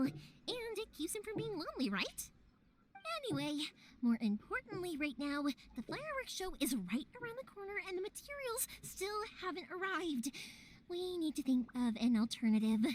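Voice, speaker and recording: Bubbly young fireworks maker. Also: female voice, extremely high pitch, big pitch swings, moderate pace, background noise. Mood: fond. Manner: bubbly, chatty. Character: upbeat young woman, fireworks maker, caring daughter. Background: game music.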